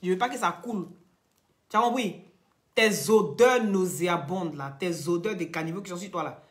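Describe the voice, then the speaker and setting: A woman, hoarse from losing her voice, loudly taunting and laughing through a live-stream rant. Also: fairly low pitch, animated, fast talker. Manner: loud, taunting, laughing often. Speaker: social media live streamer.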